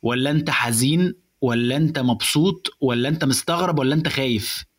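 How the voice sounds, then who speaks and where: A young man with an Egyptian accent, explaining in casual chat how to build a stand-up joke, animated and mixing in English words. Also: mid-range voice, fast, husky. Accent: Egyptian Arabic.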